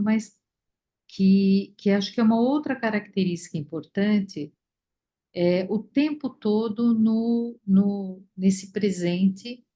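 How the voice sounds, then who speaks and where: A woman leading a study group, talking reflectively with many pauses and fillers over a video call. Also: mid-range voice, mellow. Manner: thoughtful, many fillers and restarts.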